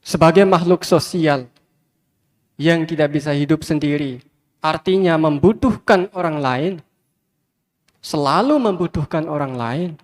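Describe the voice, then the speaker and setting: Buddhist monk preaching in an echoing hall. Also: male voice, on the high side, a little slow, pauses often. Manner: repetitive emphatic preaching, addresses listeners directly. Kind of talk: sermon. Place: large hall with many fans. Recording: long hall reverb.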